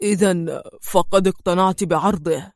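A woman voicing a frightened male accomplice in an audiobook, with a hoarse, choked voice. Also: fairly low pitch, fairly even intonation, moderate pace, darkish tone, no echo, studio quality, pitched below the performer's own voice, natural voice. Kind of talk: audiobook character voice.

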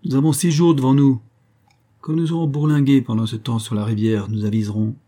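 A man reading aloud, voicing a gruff male convict who cuts the others short with a commanding manner. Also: mid-range voice, little pitch movement, fairly quick, mellow, natural voice. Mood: brusque. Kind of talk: audiobook character voice.

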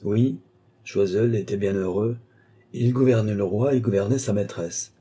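A man reading an audiobook, voicing a scheming old male marshal who wheedles and then scolds in sudden high bursts. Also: moderate pace, dark tone, husky.

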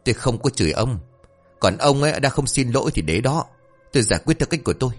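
Nagging middle-aged wife, sharp tongue; male storyteller doing the voice. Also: mid-range voice, lively intonation, fast, soft background music, pitched above the performer's own voice, close to an everyday voice. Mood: scolding. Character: irritable middle-aged woman, scolding wife.

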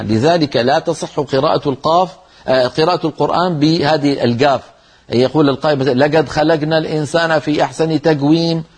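Husky-voiced man teaching Quran recitation. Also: fairly high pitch, darkish tone. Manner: earnest, demonstrates recitation aloud. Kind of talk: televised religious lesson.

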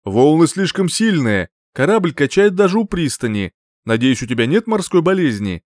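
A man reading an audiobook, voicing a calm, confident young nobleman who explains things in a matter-of-fact way. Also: a little high, normal speed, dry recording, pitched above the performer's own voice.

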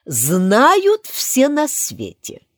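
A woman's voice: high voice, huge pitch swings, very slow, no room sound, voice pushed up, exaggerated voice. A woman voicing a pompous, fussy king in a storybook reading, in a dry recording. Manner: fussy, triumphant, self-satisfied. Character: blustering pompous male king.

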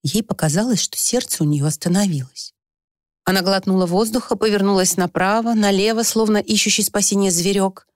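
An expressive woman reading an audiobook aloud, her voice rising as the story grows tense. Her pitch sits in the middle, and the sound is dry and close. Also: brisk, dry recording. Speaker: audiobook narrator. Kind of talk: scripted narration.

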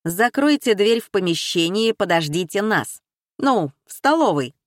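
A woman voicing a male investigator who gives brisk, calm orders. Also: medium pitch, no echo, studio quality. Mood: commanding.

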